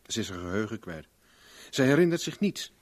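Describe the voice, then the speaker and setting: In a 1970s Dutch radio play, a male actor portrays a smooth, affable private investigator whose manner is casual yet politely probing. His voice sits on the low side, and he speaks fairly quickly with a great deal of animation.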